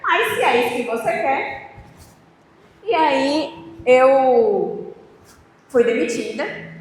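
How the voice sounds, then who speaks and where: A woman giving a preached testimony, telling her story with animated acted-out dialogue. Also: sits high, extremely slow, a little hiss or hum. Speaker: testimony speaker at a church. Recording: echoey hall with reverb, faint ambience.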